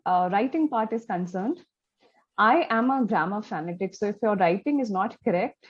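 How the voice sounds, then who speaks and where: A woman author and English teacher with an Indian English accent speaks at a middle pitch. Her answers are measured, with some hesitations, and her audio sounds dull, like an online call. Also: animated, slightly rough. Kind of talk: interview answers.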